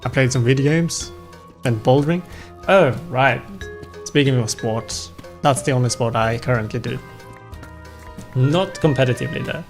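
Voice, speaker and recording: A young adult man whose first language isn't English streams a game with music in the background, chatting casually in a rambling, self-deprecating way. His mid-range voice moves at a moderate pace with long pauses.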